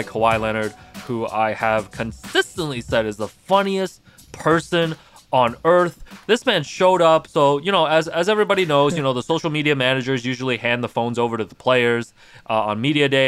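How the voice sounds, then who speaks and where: A man co-hosting a sports podcast in casual chat, telling stories with animated amusement. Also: medium pitch. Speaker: podcast co-host. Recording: dry studio sound with faint music.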